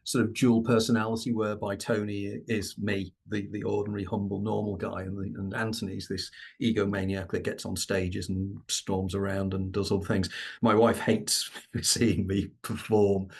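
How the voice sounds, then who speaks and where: A man being interviewed as an author, speaking in an animated, self-deprecating way. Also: on the low side, moderate pace, gravelly, breathy edge. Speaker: author and podcast guest. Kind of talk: casual interview chat.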